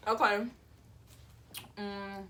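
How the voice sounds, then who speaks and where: A woman's voice: mid-range voice, little pitch movement, very slow, fairly bright tone. A woman talking casually to viewers while eating and chewing, in a mukbang question-and-answer chat. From Florida, United States. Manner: informal, addresses viewers as y'all. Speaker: mukbang host.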